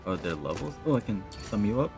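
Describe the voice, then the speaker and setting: A young man with a fairly low voice chats through his gameplay. He rambles and thinks aloud casually, with some music behind him. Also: big pitch swings, fast talker. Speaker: gaming commentator.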